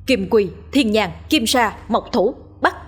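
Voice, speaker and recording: A woman voicing a brash young male exorcist in a ghost story, talking quickly in a mocking, cheeky way. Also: on the high side, expressive, breathy edge, full character voice. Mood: chanting.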